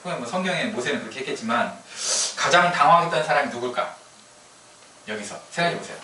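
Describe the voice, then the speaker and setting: Bright, jokey pastor. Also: male voice, fairly high pitch, animated, fast talker, slight background noise. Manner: chatty, humorous storytelling with laughs. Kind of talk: sermon. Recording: echoey room from a distance.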